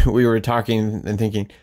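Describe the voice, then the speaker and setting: A man's voice: on the low side, steady tone, a little slow, darkish tone. A man hosting a podcast in a casual, joking, chatty way. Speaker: podcast host. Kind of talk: casual chat.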